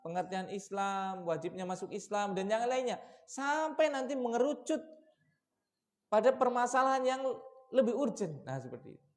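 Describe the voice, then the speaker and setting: A man preaches at a mosque study session. His delivery swings widely, rising loud and high for warnings, then dropping low and quiet for asides. He keeps asking his listeners questions as he teaches. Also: animated, moderate pace. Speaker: Islamic preacher.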